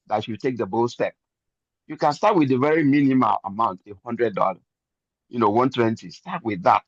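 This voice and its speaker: A man's voice: medium pitch, dry recording. Older man, preachy motivational testimony, dry close sound, slightly dull audio. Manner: earnest, preachy, repeats phrases for emphasis. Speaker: member giving a testimony.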